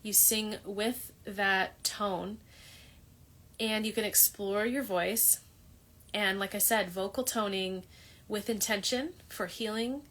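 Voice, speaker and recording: Female wellness host, casual rambling delivery, mid pitch, chatty to camera. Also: fairly bright tone. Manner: loose, rambling, with many restarts and fillers. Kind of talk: casual monologue on yoga.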